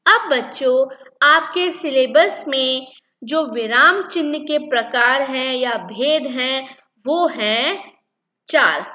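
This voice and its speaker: Woman teacher, high bright voice, slow and deliberate, repeats points, dull lo-fi recording. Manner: repeats key points and asks then answers her own questions. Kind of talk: classroom-style lesson for children.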